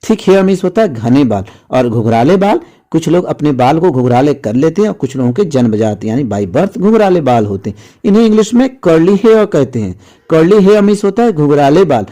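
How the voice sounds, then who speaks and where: A man's voice: a little high, big pitch swings, fairly quick, dark tone. A man teaching English vocabulary in Hindi, patiently repeating each word with its meaning and addressing viewers as friends. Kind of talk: explaining vocabulary lesson in Hindi.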